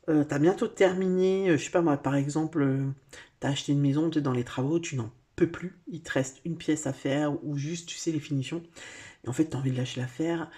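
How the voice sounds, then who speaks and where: A woman's voice: sits low, mellow. A woman giving a casual tarot reading, speaking straight to the viewer in a chatty way with many fillers. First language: French. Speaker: tarot card reader.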